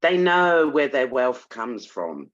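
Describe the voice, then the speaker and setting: A man's voice: mid-range voice, very animated, slow pace, a bit bright. Man, co-host, casual chat, indignant, emphatic, muffled sound. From Barbados. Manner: indignant, emphatic, rhetorical questions. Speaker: show co-host.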